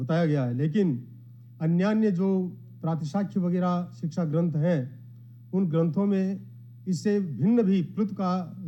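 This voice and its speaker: A man giving a formal conference lecture in a measured, explanatory way, reciting Sanskrit verses between his points. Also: on the high side. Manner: modest, addresses the gathering. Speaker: academic speaker at a conference. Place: conference hall. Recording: dull lo-fi sound.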